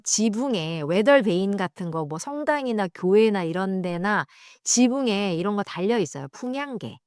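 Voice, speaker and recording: A woman whose first language is Korean, leading an English reading lesson. She reads the English lines slowly, then explains them in quick, chatty asides. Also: medium pitch, no room sound, clean studio sound. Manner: acts out sounds and voices. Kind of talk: bilingual read-aloud lesson.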